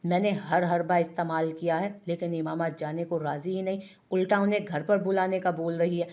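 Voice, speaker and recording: एक महिला कथावाचक एक शरारती, चिढ़ाने वाले युवा पति की आवाज़ पढ़ती है।. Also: female voice, fairly low pitch, steady tone, moderate pace, mellow, lightly acted. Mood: teasing. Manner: teasing, mock-innocent. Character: playful young husband teasing his wife. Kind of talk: audiobook character voice.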